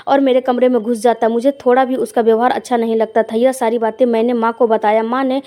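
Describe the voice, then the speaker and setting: Woman, first-person story narration, conversational, emotional, slightly high voice, mellow tone. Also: flat delivery, quick pace. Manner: plain conversational telling with emotional weight.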